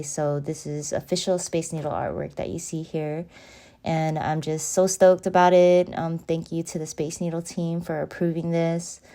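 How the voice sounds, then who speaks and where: A graphic designer from Seattle, USA, in her thirties walks through her design work on screen in a chatty, friendly way. Her voice is low and mellow, sprinkled with lots of "um" and "you know."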